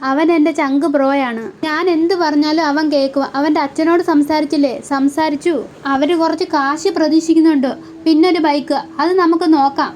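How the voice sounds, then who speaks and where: A woman recapping a television serial episode, reading out every role's lines in one plain, even voice. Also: high-pitched, a little fast, a little hiss or hum. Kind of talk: reading out soap opera dialogue.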